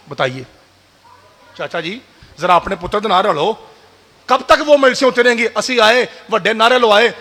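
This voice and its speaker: A man preaching a sermon, fiery and addressing the crowd directly, rising to shouts. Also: sits high. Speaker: preacher at a religious gathering. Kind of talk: sermon with call-and-response. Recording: long hall reverb.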